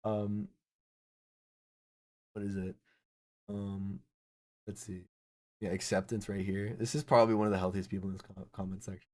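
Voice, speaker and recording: A man's voice: on the low side, little pitch movement, normal speed, pauses often, mellow. A young man hosting a reaction commentary, ranting incredulously with stumbling restarts and repeated words. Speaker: online video host.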